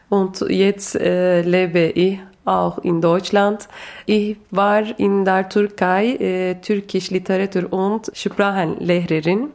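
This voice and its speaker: Slow, hesitant woman. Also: medium pitch, darkish tone. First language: Turkish. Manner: hesitant, many filler sounds. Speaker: guest reader, former teacher. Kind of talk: halting personal statement.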